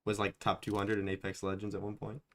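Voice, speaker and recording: A man's voice: fairly low pitch, monotone, fast. Laid-back young man streaming games. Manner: laid-back, rambling, self-mocking, says like and dude often. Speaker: game streamer. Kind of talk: casual live-stream chat while gaming.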